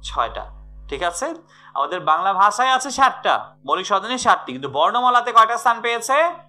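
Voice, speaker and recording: A man's voice: sits high, sing-song, a little fast, pushed and bright. A middle-aged man teaching a live online grammar class, repeating questions over and over and coaxing his students to answer.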